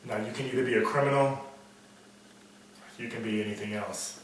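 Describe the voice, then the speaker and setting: A hard-boiled, world-weary detective, acted by a man mutters his bleak noir monologue in a lowish voice. He broods like a cynic telling an old story. The recording is very echoey and set back from the mic, with a little noise. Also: steady tone, moderate pace, lightly acted. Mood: weary, brooding. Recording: echoey room, distant mic, faint noise.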